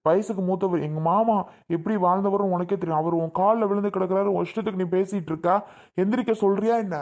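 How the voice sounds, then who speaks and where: A man's voice: high voice, steady tone, fast talker, gravelly, a little mellow. A man playing a remorseful young man who pleads with his family and begs forgiveness, in a family drama skit. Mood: reproachful. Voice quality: earnest, pleading.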